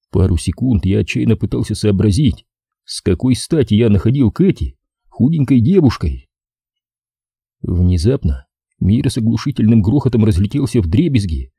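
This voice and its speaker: Male narrator, low husky voice, lively intonation, measured wry storytelling, dry close sound. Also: dry recording. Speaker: audiobook narrator. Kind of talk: scripted first-person narration.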